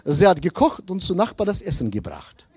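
A middle-aged man preaching a sermon as pastor, slow and emphatic, swinging between loud appeals and hushed asides. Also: high-pitched, huge pitch swings, husky, a faint crowd.

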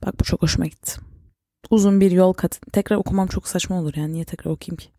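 A young woman hosting a casual solo podcast, rambling and self-mocking with quick jokey asides. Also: fairly low pitch, steady tone, mellow, dry recording, studio quality. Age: young adult. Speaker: podcast host and YouTuber.

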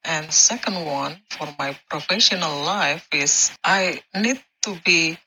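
A woman's voice: low voice, takes it slowly, pushed and bright, a little hiss or hum, low-quality recording. A woman from Indonesia, a podcast listener sharing her goals, hesitant with fillers.

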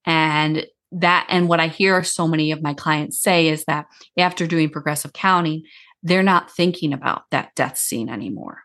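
A woman's voice: low-pitched, moderate pace, a bit bright. A woman grief counselor talking casually in an interview, explaining in long run-on sentences.

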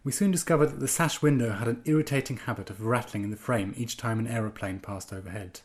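Speaking quickly at a medium pitch, a man from Germany in his twenties or thirties appears as a guest writer. He answers the interviewer hesitantly, restarting often and saying um a lot, and then reads a passage he wrote.

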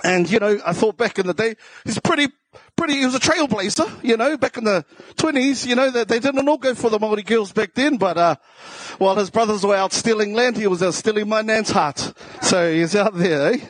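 On stage, a male comedian with a South Auckland New Zealand accent tells stories in a casual, slangy way, joking and poking fun at himself. His voice is high-pitched and fairly quick, with no echo.

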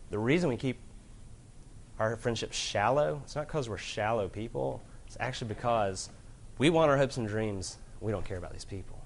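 A man preaching a sermon to a room of listeners, earnest, moving from loud emphasis to hushed gravity. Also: medium pitch. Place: room with an audience.

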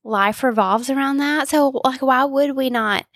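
A woman's voice: high-pitched, a little slow, fairly bright tone, no echo, clean studio sound. A woman co-hosting a podcast in casual, slangy, informal conversation. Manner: informal, slangy, filler "like" throughout. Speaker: podcast co-host. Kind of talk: casual chat.

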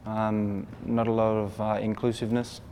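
A young Australian man of twenty-five speaks in a low, flat tone with little melody. He talks hesitantly, with many fillers. A faint noise sits under his voice. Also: moderate pace. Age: 20s. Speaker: youth panel guest. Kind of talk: casual discussion.

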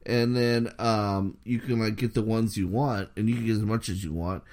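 Low-voiced man raving about food. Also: fairly even intonation, moderate pace, darkish tone. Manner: enthusiastic, rambling with fillers. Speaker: podcast co-host. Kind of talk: casual chat.

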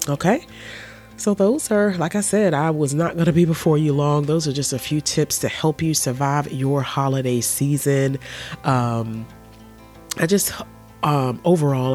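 A man hosting a casual solo podcast while under the weather, speaking in a nasal, stuffy voice and giving earnest, gentle advice. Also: medium pitch. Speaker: podcast host.

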